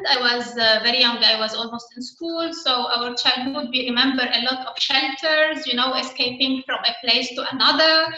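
Woman, 40s, earnest interview guest; sharp, high voice over a roomy, muffled call line. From Lebanon. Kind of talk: online interview. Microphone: video call. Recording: echoey, dull online call audio.

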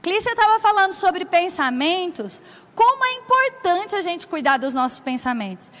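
A woman with a Brazilian Portuguese accent preaching a sermon to women, emphatic and warm, often asking the crowd for an "amen". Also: very high voice, sing-song, moderate pace. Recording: long hall reverb.

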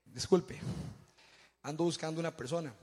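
A man voicing Jesus in a sermon story, speaking in a lowered, quiet and soothing way. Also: normal speed, big-room sound, close to an everyday voice. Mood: calm. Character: calm, gentle Jesus reassuring a man.

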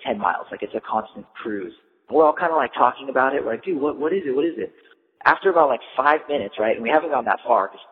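A man casually telling a long story, rambling with lots of "like" and "you know". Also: medium pitch. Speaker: storyteller recounting a trip. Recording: tinny phone-like line with long reverb.

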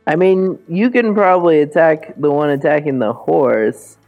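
Gravelly guy at a tabletop game, unsure about the rules. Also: fairly high pitch, normal speed, phone-quality sound, soft background music. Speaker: player.

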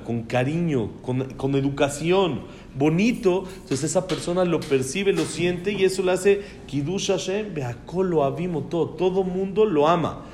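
A man leads a casual religious class in a slightly high voice. He speaks in an admiring way, circling back to the same phrases and restarting his sentences. A faint murmur of room sound sits beneath him. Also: a little mellow, slight background noise. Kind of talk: informal Torah class talk.

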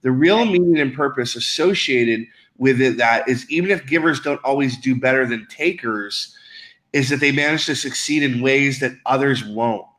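A man co-hosting a casual talk show, pitching an event in a loose, upbeat way with many fillers. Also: moderate pace, a bit bright. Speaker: podcast co-host. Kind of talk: casual promotional chat.

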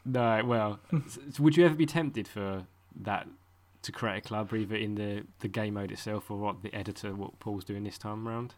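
A man's voice: fairly low pitch, moderate pace, hardly any pauses, a little mellow. A man with an Essex accent, chatting casually as a podcast host and interviewer. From Essex, England.

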